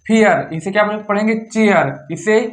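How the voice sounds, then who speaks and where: A man's voice: sits high, unhurried. A young man teaching English pronunciation rules in a classroom-style lesson, asking questions and answering them himself over and over.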